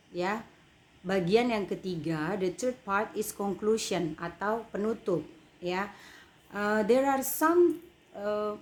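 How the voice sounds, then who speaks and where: A woman's voice: mid-range voice, darkish tone. A woman with an Indonesian accent teaching an English lesson. She explains step by step and repeats each point in two languages. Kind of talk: bilingual online lesson.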